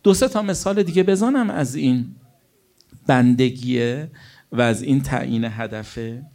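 A man's voice: medium pitch, expressive, a little mellow. A middle-aged man, a cleric, preaching a sermon with anecdotes told as quoted dialogue and rhetorical questions to his listeners.

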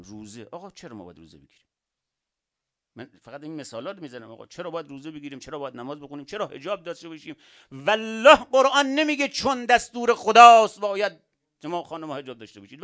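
A man preaching a sermon who asks rhetorical questions and swings between quiet and loud emphasis. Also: medium pitch, animated, pauses often. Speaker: religious speaker. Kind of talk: sermon to an audience.

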